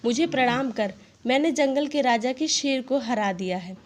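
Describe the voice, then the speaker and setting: A woman's voice: sits high, moderate pace, lightly acted. A woman voicing a cheeky, boastful female fly that taunts a lion, while reading a children's story aloud. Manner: mocking, taunting.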